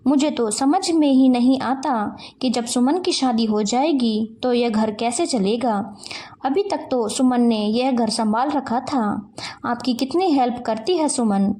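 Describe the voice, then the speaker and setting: A woman's voice: fairly high pitch, unhurried, mellow, natural voice. A woman voicing an angry young husband who scolds his lazy wife in a storybook tale. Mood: scolding. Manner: scolding, insistent.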